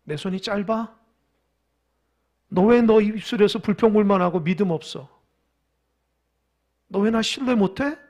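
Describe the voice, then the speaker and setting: A man voicing God as a stern deity, slowly firing loud, confronting questions at the listeners. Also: sits high. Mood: rebuking. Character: rebuking God, stern demanding male deity.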